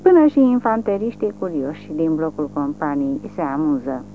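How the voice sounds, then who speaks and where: A woman narrating an audiobook in steady, even storytelling. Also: low voice, faint music behind. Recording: tinny lo-fi with faint hum.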